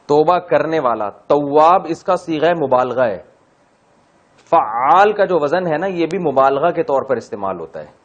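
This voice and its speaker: A man teaching Quran grammar in a class, explaining step by step, asking and answering his own questions, and chanting verses slowly. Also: on the high side. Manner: chanted slow Arabic verse recitation. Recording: dull lo-fi recording.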